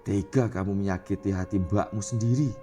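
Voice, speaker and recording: A man's voice: lowish voice, fairly quick, dark tone, soft background music, close to an everyday voice. A man voicing an angry middle-aged village head who scolds and hurls insults at his niece, in a storybook narration. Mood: furious.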